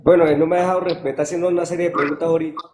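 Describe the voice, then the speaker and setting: A man's voice: a little high, level tone, rapid-fire, a little mellow, reverberant. A man, a pastor, answering in a religious debate, hesitant at first and citing scripture to defend himself.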